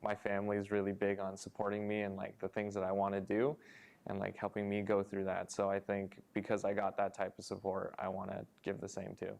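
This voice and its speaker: Low, flat, gravelly young man. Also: brisk. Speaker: interviewee. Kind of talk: answering interview questions.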